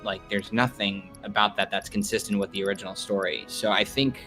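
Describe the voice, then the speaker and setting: Guy with a lowish voice rambling casually on a stream, says like a lot. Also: steady tone, fairly quick, sharp tone, faint music behind. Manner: rambling, heavy use of "like". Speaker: stream co-host. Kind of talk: casual podcast chat.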